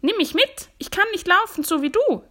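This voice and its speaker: A woman voicing a fat, ugly male frog from a fairy tale who pleads and bargains in a high, squeaky voice. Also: big pitch swings, normal speed, bright, forceful tone, exaggerated voice. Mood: insistent.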